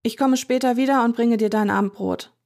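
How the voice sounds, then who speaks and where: A woman voicing a calm young man who holds someone captive and speaks in a flat, nearly expressionless way. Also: on the high side, a little fast, natural voice. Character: young man, calm, quietly possessive captor.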